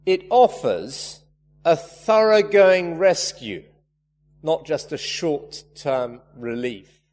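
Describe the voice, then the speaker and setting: A man's voice: a little high, lively intonation, slow, darkish tone. A man preaching a sermon, earnest and emphatic, leaning hard on key words. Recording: reverberant hall, faint hum.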